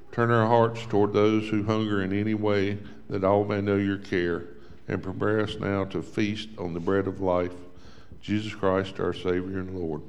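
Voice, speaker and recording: Man reading a prayer slow and steady, gravelly voice, big church echo. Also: fairly low pitch. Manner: steady, measured prayer recitation. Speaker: worship leader. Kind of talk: liturgical prayer. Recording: echoey church hall.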